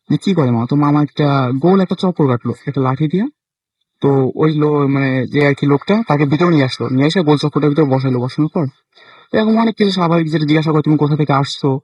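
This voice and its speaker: A young man from Bangladesh shares a spooky personal story with a radio show. His voice sits a little high and husky. The sound is close and dry, and he halts often, restarting his sentences. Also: fast, a little mellow, no echo, dull audio. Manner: hesitant, many fillers and restarts. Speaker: caller sharing a ghost experience. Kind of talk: casual first-person storytelling.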